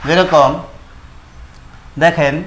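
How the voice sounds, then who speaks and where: A man with a Bangladeshi Bengali accent teaching a Quran reading lesson, slowly drilling the Arabic letters one at a time. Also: a little high, steady tone, fairly bright tone, slight background noise, poor audio. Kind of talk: slow recitation lesson.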